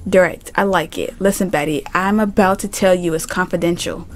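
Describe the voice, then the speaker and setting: Woman putting on a commanding older businesswoman, low hushed voice, brisk and direct, story-game boss. She sounds firm and in charge throughout. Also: steady tone, lightly acted.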